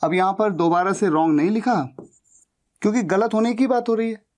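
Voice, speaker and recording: A man teaching grammar in Hindi, slow and deliberate, repeating phrases and asking rhetorical questions. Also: sits high, a little mellow. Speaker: English teacher. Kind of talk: Hindi-language English grammar lesson.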